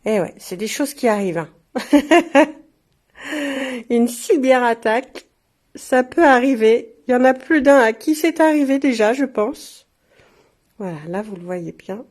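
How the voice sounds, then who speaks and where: A woman's voice: a little high, expressive, unhurried, long pauses. A woman chatting casually to viewers as she shows off engraved glasses. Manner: chatty, warm asides to viewers. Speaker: shop presenter. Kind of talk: casual product showcase.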